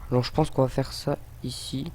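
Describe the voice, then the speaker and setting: A man's voice: mid-range voice, fairly even intonation, moderate pace, dark tone. A young man casually commentating a building game, hesitant and full of fillers, muttering to himself as he plays. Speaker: gaming video host. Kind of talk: casual let's-play commentary. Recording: home recording with clear background noise.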